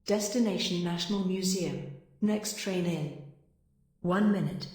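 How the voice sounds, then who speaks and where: Woman, station intercom announcement, flat even phrasing, fairly low voice, heavy echo. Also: a little slow. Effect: over a station intercom. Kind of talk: automated transit announcement. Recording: very echoey station PA.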